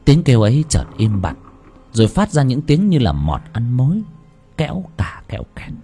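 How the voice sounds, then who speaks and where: A man narrating a ghost story in an expressive, dramatic way. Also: moderate pace, husky, faint music behind. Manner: expressive, swooping between high and low.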